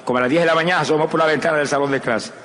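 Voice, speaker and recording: Male evangelist, fiery sermon with shouted praise, reverberant church hall. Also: fairly high pitch, fairly even intonation, rapid-fire. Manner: fervent, bursts into shouted praise. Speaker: evangelist preacher. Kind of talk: sermon with personal testimony.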